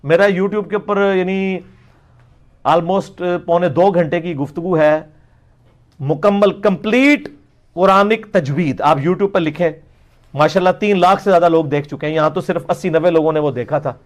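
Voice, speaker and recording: A middle-aged man with a high-pitched voice argues in a combative, boastful tone. He stretches into slow, drawn-out chanted recitation between his points. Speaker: religious speaker answering critics. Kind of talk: polemical talk with Quran recitation.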